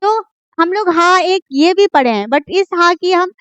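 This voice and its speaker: A woman's voice: very high voice, expressive, measured pace, a bit bright, no echo. A woman teaching a grammar lesson, who keeps asking the class questions and then answers them herself. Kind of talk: grammar lesson explained at a board.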